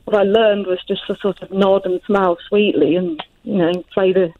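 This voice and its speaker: A woman calling a radio phone-in, giving a personal account in a halting, hesitant way with frequent restarts. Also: medium pitch, little pitch movement, slight background noise. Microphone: telephone. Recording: muffled narrowband phone line.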